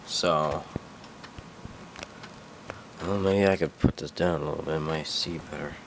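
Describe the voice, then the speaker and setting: This young man's voice is very deep and steady, with vocal fry, and he takes his time against a noisy background. Fighting a stuffy cold, he casually narrates a screen-recorded computer tutorial from a dim room, rambling and correcting himself amid lots of fillers.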